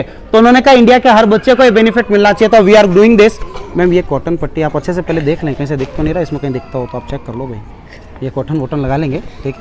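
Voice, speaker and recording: A man giving a live demonstration speech at a school seminar, coaxing the children and mixing in English phrases. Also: very high-pitched. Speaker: seminar presenter.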